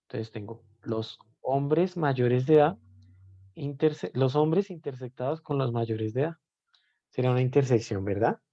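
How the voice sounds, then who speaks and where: A man teaching a live online class, with a dark, mellow tone. He walks through each definition step by step and often pauses to check that his students are following. The audio is a little dull and lo-fi. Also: mid-range voice. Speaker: math teacher.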